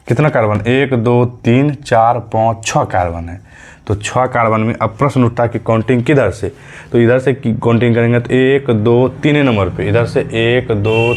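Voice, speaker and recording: A male chemistry teacher with a lowish, slightly mellow voice gives a medium-length classroom lesson with a light tinge. He patiently repeats key terms back as questions and counts aloud through each step.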